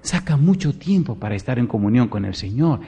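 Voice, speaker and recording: A man's voice: medium pitch, lively intonation, a little fast, warm tone, slightly rough, in a large hall. A male pastor preaching a Bible study sermon, emphatic, firing rhetorical questions at his congregation and telling folksy stories from home. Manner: folksy storytelling asides.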